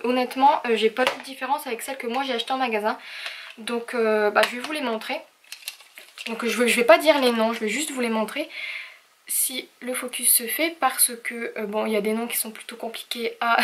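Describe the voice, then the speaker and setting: A woman's voice: a little high, noisy background. A young woman chatting casually in a craft haul video, talking with many hesitations and fillers. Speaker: craft vlogger.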